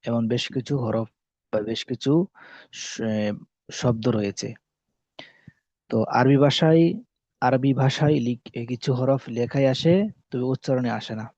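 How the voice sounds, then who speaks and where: Man teaching a lesson, mellow and dry. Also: mid-range voice, fairly even intonation, unhurried, long pauses, dry recording. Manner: repeats key rules, asks and answers own questions. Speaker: Arabic spelling teacher. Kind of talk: classroom lesson explaining rules. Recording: dull lo-fi recording.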